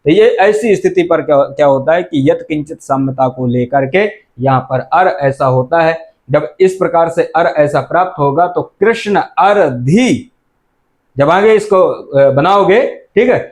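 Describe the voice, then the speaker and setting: High-voiced man teaching a grammar class. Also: lively intonation, a little slow. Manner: asks questions then answers them himself, repeats key terms. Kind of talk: explanatory lecture.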